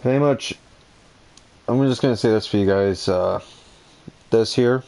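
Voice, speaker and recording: A man's voice: on the low side, a little slow, vocal fry, mellow. A young man giving casual, rambling let's-play commentary over a video game. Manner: rambling, repeats filler phrases. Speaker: gaming YouTuber.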